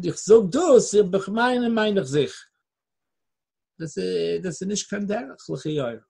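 A Torah teacher giving a religious lecture with Hebrew quotations and chanted blessings, swinging from low murmurs to loud emphatic bursts. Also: creaky, breathy edge.

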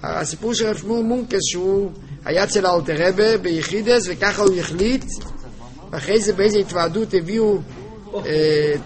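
High-voiced man telling a story. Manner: halting, repeats words, restarts phrases. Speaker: storyteller at a religious gathering. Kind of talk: casual storytelling to a group. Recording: crowd chatter behind voice.

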